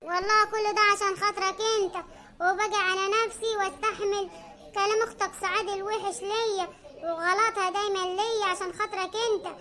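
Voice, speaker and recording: A woman's voice: very high-pitched, steady tone, quick pace, bright, forceful tone. A woman with an Egyptian accent playing an aggrieved wife in a comic family skit, sarcastic and complaining. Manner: sarcastic, complaining, sighing for patience. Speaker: content creator playing the wife.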